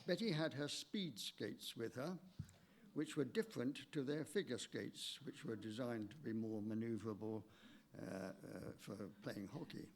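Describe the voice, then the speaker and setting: Older man, gravelly measured eulogy. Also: mid-range voice, slight background noise. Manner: measured, halting, with small stumbles. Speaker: widower giving a eulogy. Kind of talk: funeral eulogy read from notes. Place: church.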